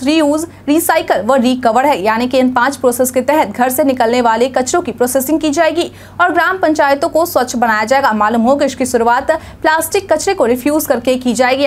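High-voiced young woman reading the news. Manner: formal, even newsreader delivery, seated at desk. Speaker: news anchor. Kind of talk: read news bulletin. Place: studio news set, indoors.

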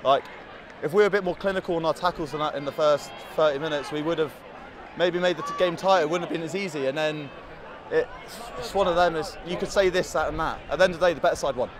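A man, a rugby team captain, speaking plainly and quickly about a loss in a post-match interview outdoors. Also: fairly high pitch. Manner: rapid, plainspoken, accepting defeat. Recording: loud crowd and outdoor noise.

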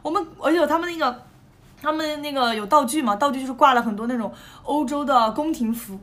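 A young woman, chatting alone and telling a lively, animated story. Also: sits high, a little fast. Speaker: idol group member. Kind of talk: casual solo chat.

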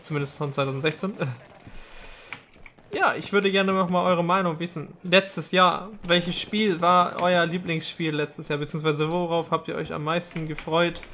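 A man's voice: on the high side, steady tone, moderate pace, bright, forceful tone, slight background noise. A young man gives chatty, slangy let's-play commentary, rambling casually with English gamer words mixed in. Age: young adult. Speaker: gaming video host.

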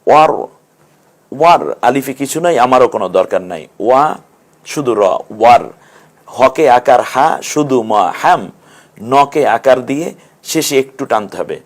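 A man's voice: mid-range voice, lively intonation, normal speed. A man teaching Quran recitation rules in an online lesson, explaining patiently and chanting short verse examples.

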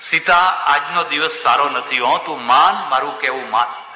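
A man in a sermon voicing a patient prince who gently talks his wife round. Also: a little high, moderate pace. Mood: firm. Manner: soft, gently persuading. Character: calm, patient prince and husband. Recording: echoey hall with long reverb.

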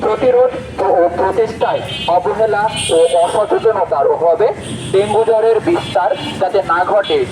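A man reading a formal public service announcement through a loudspeaker, slow and declamatory, with a few slips and restarts. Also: high voice, background noise. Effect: amplified through a loudspeaker.

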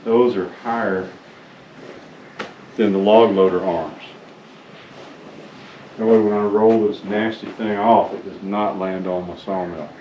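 A man's voice: lowish voice, steady tone, takes it slowly, pauses often, highs cut off, a little hiss or hum. An older man with a Southern US accent, a sawmill owner narrating his work video in a wry, grumbling, folksy way.

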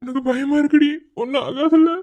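A woman's voice: high voice, steady tone, fairly quick, warm tone, close to an everyday voice. A woman voicing a young man from a cartoon who is devoted to his lover and pleads anxiously, with a Madurai Tamil accent, in a dull lo-fi recording. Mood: pleading. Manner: pleading, protective. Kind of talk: cartoon voice acting.

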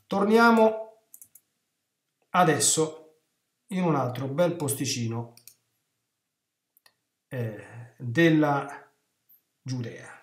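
Animated priest preaching in a roomy space. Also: male voice, a little high, very slow, long pauses. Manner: animated, emphatic, with rhetorical questions to the listeners. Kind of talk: retreat sermon. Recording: roomy echo.

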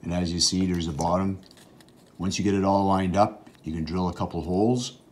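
A middle-aged man with a very low, steady voice hosts an outdoors channel, walking through a hands-on project as a casual how-to demonstration. He works at an indoor bench with the camera pointed down at his hands, explaining plainly and matter-of-factly while filling pauses with the occasional "uh."

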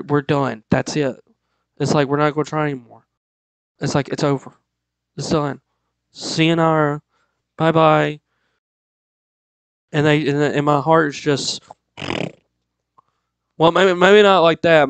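A man's voice: a little high, smooth, dry recording, low-quality recording. A man preaching a casual sermon, chatty and joking, with pop-culture asides and frequent laughs.

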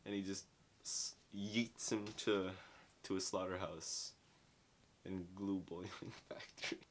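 A young man with a deep, low-pitched voice talks through a book review in a loose, rambling way. He is full of slang and "like"s, and his voice picks up a faint rumble behind it in his small bedroom. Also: fairly even intonation, takes it slowly. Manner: rambling, slangy, filler-heavy with lots of "like". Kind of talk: casual spoken book review. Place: small dim bedroom at home.

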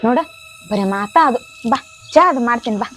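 A woman's voice: a little high, lively intonation, brisk, a bit bright, soft background music. An actress playing a village woman who gives advice and scolds, speaking with a North Karnataka accent. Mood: chiding. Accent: North Karnataka Kannada. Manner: advising, scolding.

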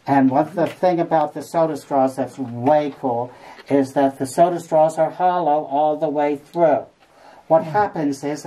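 Deep and dark in tone, a cave tour guide's voice comes through a visitor's camera some distance away as she jokes informally with her group underground. The camera audio picks up plenty of noise.

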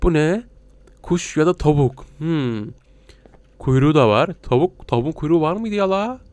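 A man giving joking, excitable let's-play commentary, bursting into laughs and silly noises. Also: on the high side, normal speed, no room sound. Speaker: gaming YouTuber.

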